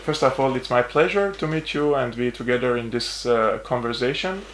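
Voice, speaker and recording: A man from Syria, a political journalist, giving measured explanatory interview answers with frequent hesitations. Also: medium pitch, fairly bright tone, slight background noise. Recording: roomy echo.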